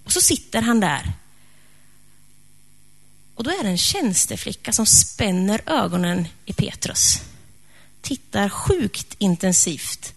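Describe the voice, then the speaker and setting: Gravelly woman preaching a story. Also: mid-range voice, long pauses. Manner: lively, conversational retelling. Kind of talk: sermon storytelling.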